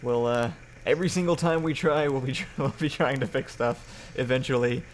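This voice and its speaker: A man's voice: medium pitch, moderate pace. Man on a poor-quality livestream, faintly noisy. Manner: rambling, with many restarts. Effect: poor-quality livestream audio. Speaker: podcast host. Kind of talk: casual livestream chat.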